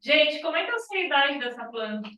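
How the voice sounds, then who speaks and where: A woman's voice: high-pitched, big pitch swings, brisk, bright, forceful tone, slight background noise. A female biology teacher lecturing a class, explaining step by step and checking in with "tá?". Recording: echoey classroom, far from mic.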